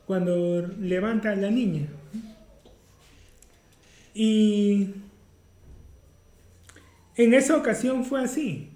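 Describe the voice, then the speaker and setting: A man's voice: high-pitched, fairly even intonation, drawn-out words, long pauses, dark tone, roomy sound. A man preaching a sermon as pastor, teaching through rhetorical questions. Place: church.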